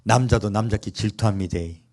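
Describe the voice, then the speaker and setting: Here a pastor with a low, somewhat mellow male voice preaches at a quick pace in church, asking rhetorical questions and tossing in humorous, playful remarks.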